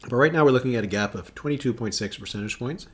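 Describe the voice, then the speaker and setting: A fast-talking man with a medium-pitched voice hosts a live election analysis stream as a political analyst. His chat is casual and filler-heavy, with him thinking out loud and reacting to viewers.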